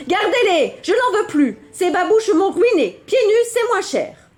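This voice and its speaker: A woman voicing a stingy old merchant who grumbles in exasperation, in a high, lively voice. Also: measured pace, exaggerated voice. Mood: exasperated. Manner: exasperated complaining.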